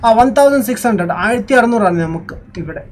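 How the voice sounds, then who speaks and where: A man's voice: very high voice, expressive, fast talker, slight background noise. A man with a Malayali accent casually commentating on a live game stream, switching between Malayalam and English. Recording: game music behind the voice. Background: game music and vehicle sounds.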